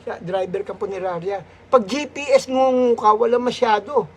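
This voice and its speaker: A man's voice: sits high, moderate pace. A man, a comedian, telling comic stories on a live stream in a rambling, giggly way, full of fillers and restarts. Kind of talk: comic storytelling.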